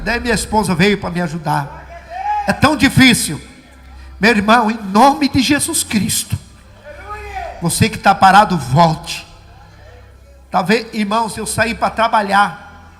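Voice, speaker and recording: A middle-aged man giving an impassioned church testimony, swinging from hushed tones to shouting. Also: high-pitched. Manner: swings from hushed to shouting, addresses "irmãos" often. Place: church hall. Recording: echoey church hall with faint music.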